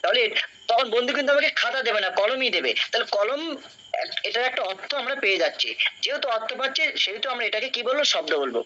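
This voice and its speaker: A young man teaches a class, patient and questioning, stopping often to check his students follow. His voice is bright and clear-edged. The recording is dull and lo-fi, with a faint hiss underneath. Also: very high-pitched, lively intonation, fairly quick. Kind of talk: classroom lecture.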